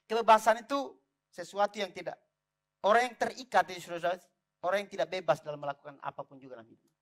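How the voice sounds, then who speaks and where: Male pastor, a bit high-pitched, lively church sermon. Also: fast. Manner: lively preaching, calls out to the congregation.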